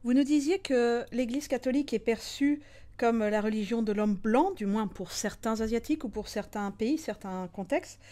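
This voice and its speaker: Composed woman interviewer, somewhat high. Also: moderate pace, dark tone. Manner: clear, composed questioning with rephrasing. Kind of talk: radio interview questions.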